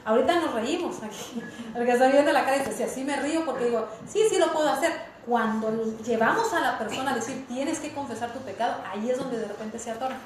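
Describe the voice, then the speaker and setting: A woman's voice: a little high, fast talker, few pauses. A woman teaching a church class, often checking that her listeners follow along. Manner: lively, asks the room for agreement. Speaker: Bible teacher. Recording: very echoey room, faint hiss.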